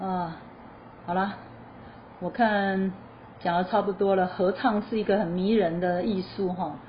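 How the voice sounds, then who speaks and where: A woman gives a choir lesson in a chatty, explaining manner, posing questions and answering them herself. Her voice sits at a middle pitch. The recording is slightly dull and lo-fi, with a faint hiss underneath. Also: measured pace. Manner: lively explanatory, sings short demo phrases. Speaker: choir teacher. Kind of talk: spoken music lesson.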